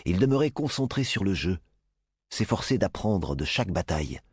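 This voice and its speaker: A man narrating a novel as an audiobook in an expressive storytelling manner. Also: low voice, moderate pace, slightly rough, no room sound, studio quality. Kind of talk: scripted narration.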